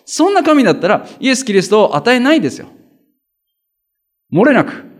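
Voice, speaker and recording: A man preaching as a pastor, in a lively, colloquial way with vivid sound words. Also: very high-pitched, a little fast. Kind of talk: conversational sermon.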